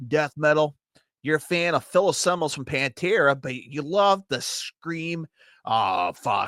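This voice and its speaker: A man's voice: fairly high pitch, sharp tone, dry recording, clean studio sound. A man with a Chicago accent hosting a podcast, reviewing metal albums in an enthusiastic, profane, rambling way. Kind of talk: casual solo podcast review.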